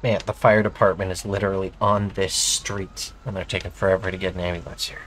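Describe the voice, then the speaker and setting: A man playing a police officer in a game roleplay, mixing in-character radio calls with casual chat, animated and swearing as he narrates his actions. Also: low-pitched, fairly quick, a little hiss or hum.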